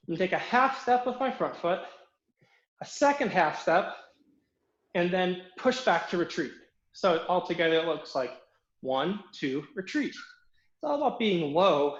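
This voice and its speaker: A man's voice: sits high, roomy sound, lo-fi sound. A man coaching an online fencing footwork class, counting reps aloud as he demonstrates drills, out of breath from the exercise.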